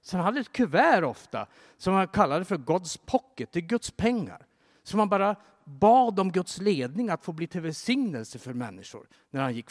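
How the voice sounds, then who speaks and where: A man preaching a sermon, telling a story and urging his listeners to pray, rising to emphatic, higher-pitched exhortations. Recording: long reverb of a large hall.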